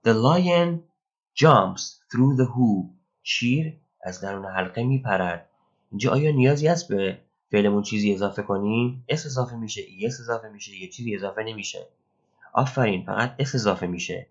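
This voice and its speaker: A man gives a recorded English grammar lesson, walking through each rule step by step and quizzing the listener. His voice is low and husky, and it comes through a dull, lo-fi recording. He reads the English example sentences slowly and carefully. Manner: explains step by step, asks the learner questions and praises answers.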